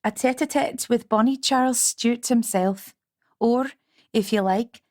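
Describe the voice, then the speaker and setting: Young scottish witch lass, way up high, firm and chiding, guy narrator doing her voice. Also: a little mellow. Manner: chiding, brisk dialect speech. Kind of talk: audiobook character voice.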